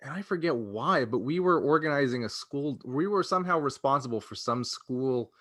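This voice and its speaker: A podcast co-host speaks at normal speed in an expressive, mid-range, fairly bright voice, in a clean studio recording without room sound. His casual reminiscing is rambling and halting, full of self-interruptions and backtracking.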